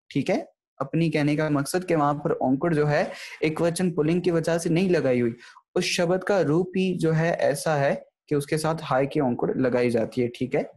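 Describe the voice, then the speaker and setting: A man gives an online grammar lesson, talking in a fairly high voice. He explains each point patiently and keeps checking in with his students. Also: darkish tone. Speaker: Gurbani grammar teacher. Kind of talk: online lecture.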